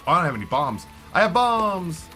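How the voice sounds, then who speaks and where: With clear music playing in the background, a middle-aged man streams a video game and keeps up nonstop, self-deprecating banter. His fairly high voice is very animated and sharp, and he speaks fairly quickly.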